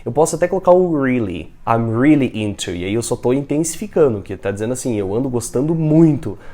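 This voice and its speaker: A young adult man with a Brazilian Portuguese accent, an English teacher giving an upbeat online lesson and modeling English phrases slowly. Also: mid-range voice, very animated, dark tone.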